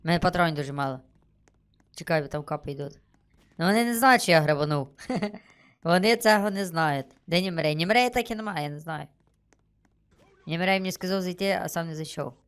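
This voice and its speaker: A man giving excitable, chatty commentary while he plays a video game and thinks aloud. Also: fairly high pitch, brisk, pauses often, smooth. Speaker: gaming streamer. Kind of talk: casual gameplay commentary.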